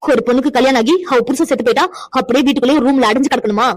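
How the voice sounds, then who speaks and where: A woman's voice: sits high, fairly even intonation, very fast, dry recording. A woman voicing a defiant young woman in a cartoon, indignant and lecturing as she defends her friend. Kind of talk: cartoon voice acting.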